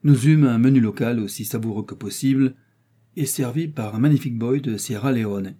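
Dark, husky male audiobook narrator. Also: mid-range voice, normal speed. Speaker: audiobook reader. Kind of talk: scripted literary narration.

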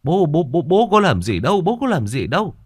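A man's voice: sits low, very animated, measured pace, darkish tone, dry recording, studio quality, exaggerated voice. A man voicing a flustered elderly grandfather who stammers while defending himself.

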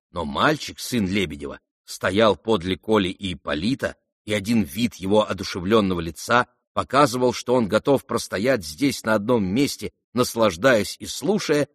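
A male audiobook narrator reads a classic novel in a low voice. His storytelling is measured and steady. The recording is dry, with no room sound. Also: no echo.

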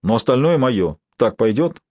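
A man's voice: medium pitch, very animated, normal speed, darkish tone, no echo. A man voicing a swaggering warrior prince in an audiobook, sly and teasing, with a wheedling tone. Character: swaggering prince, sly, mocking, restless adventurer.

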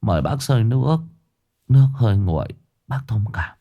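A man's voice: on the low side, lively intonation, moderate pace, dark tone, muffled recording. A man voicing a weary, polite older village woman who answers in a subdued, trembling way.

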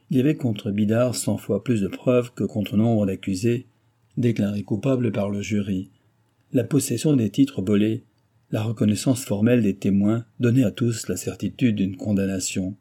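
A man narrating a classic novel in a steady, measured reading. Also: on the low side, slightly rough. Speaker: audiobook narrator. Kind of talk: scripted narration.

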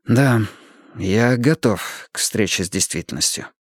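A man reading an audiobook voices a quiet, focused young man with short, reserved replies. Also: lowish voice, expressive, measured pace, dry recording, studio quality.

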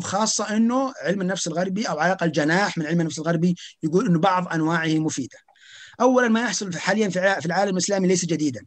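A man, speaking as an academic guest on a podcast, arguing emphatically with rhetorical questions and stumbling restarts. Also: fairly high pitch. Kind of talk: podcast conversation.

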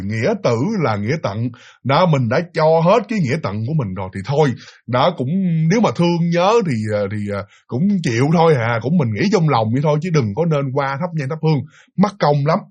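A fast-talking man with a Southern Vietnamese accent tells a story to his listeners in a chatty, direct way. His voice is hoarse and husky from a cold, and he sits a little higher than most men. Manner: chatty, addresses listeners directly, many fillers. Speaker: storyteller and channel host. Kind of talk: casual spoken storytelling.

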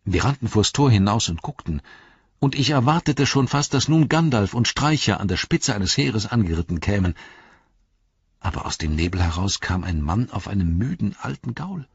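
Young hobbit storyteller read by a man, low and animated, husky. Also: moderate pace, dry recording, lo-fi sound, exaggerated voice. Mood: storytelling. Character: young male hobbit telling his story.

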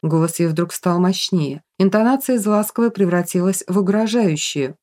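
A woman's voice: fairly low pitch, moderate pace, a little mellow. A woman narrating an audiobook in a tense, dramatic reading.

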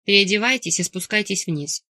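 An enraged young husband barks and growls his threats, as a woman reads him out. He is gruff and commanding. The audiobook sounds dry and close. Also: medium pitch, brisk, pushed and bright, dry recording.

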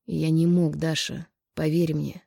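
A woman voicing a gentle, guilty man who speaks in a hushed, hoarse near-whisper. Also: low-pitched, level tone, unhurried, no echo, clean studio sound, heavily acted. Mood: pleading.

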